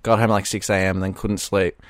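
A man's voice: sits low, flat delivery, quick pace. A young man with an Australian accent, telling stories in a laid-back, rambling way with plenty of swearing in a casual podcast chat. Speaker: YouTuber being interviewed.

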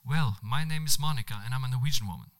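A man's voice: mid-range voice, fairly bright tone, lightly acted. A man voicing a self-important Norwegian woman with an affected, showy way of talking. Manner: affected, showy, drawn-out speech. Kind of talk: comedic story reading.

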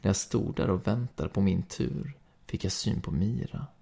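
A man with a Swedish accent reading a story aloud in calm, steady first-person narration. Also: deep voice, creaky, breathy edge. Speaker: podcast reader.

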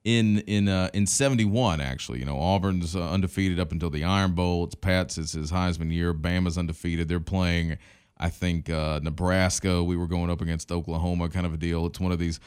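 Man, very low voice, smooth and resonant, rambling casual podcast chat. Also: fairly even intonation, darkish tone. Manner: rambling, quick, with many fillers and restarts. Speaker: podcast co-host. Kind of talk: casual sports history chat.

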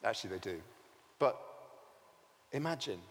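A man's voice: fairly low pitch, expressive, moderate pace, fairly bright tone, big-room sound. A man preaching a sermon, telling the story vividly and asking rhetorical questions.

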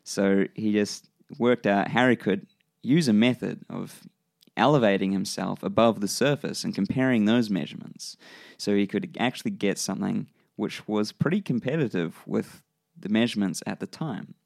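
A New Zealand man talks through science ideas in a relaxed podcast chat. His voice sits a little low, with plenty of gravel and fry. He pauses on ums and slips in dry jokes, recorded close with no room sound. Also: no echo. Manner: relaxed explainer with dry humor, frequent ums. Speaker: podcast co-host.

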